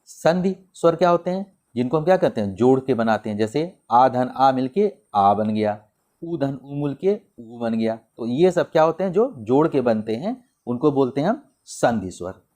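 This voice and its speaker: Man, hindi accent, teacher, exam-prep grammar lesson, medium pitch, repeats and drills sounds, asks questions then answers them. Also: expressive, normal speed, a little mellow.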